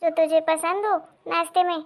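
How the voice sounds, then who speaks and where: A woman voicing a calm, motherly mother-in-law in a cartoon story. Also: very high-pitched, normal speed. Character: middle-aged mother-in-law, calm peacemaker.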